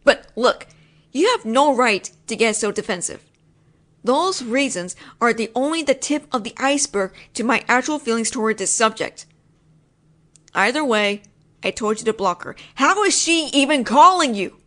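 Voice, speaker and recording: Speaking straight to the listener, a woman acts out a possessive roommate in a one-sided audio roleplay, sounding frustrated, insistent and teasing. Her fairly bright voice sits on the high side, with lively intonation at a moderate pace.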